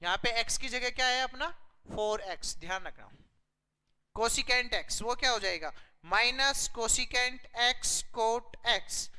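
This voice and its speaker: A woman teaches a math lesson step by step in a slightly high voice. She explains slowly, asking herself questions and answering them. The sound rings with long reverb. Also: sharp tone, clean tone. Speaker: physics teacher.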